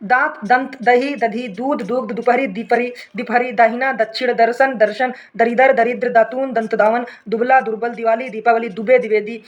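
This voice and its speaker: A male teacher giving a rapid revision lesson, reading word pairs aloud one after another and often checking in with his students. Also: very high-pitched, fairly even intonation. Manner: rattles off word lists, often says "okay, friends". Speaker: exam prep teacher.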